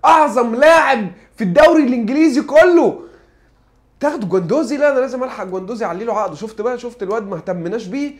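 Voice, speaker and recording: A young man with an Egyptian Arabic accent, joking and excitable as he gives playful commentary on a football manager game. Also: very high voice, very fast. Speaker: gaming YouTuber.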